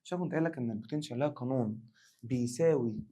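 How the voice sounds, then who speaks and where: Speaking very fast at a medium pitch, this hoarse science teacher runs an animated exam revision session. He is a man with an Egyptian Arabic accent, and he plays out students' questions as he goes.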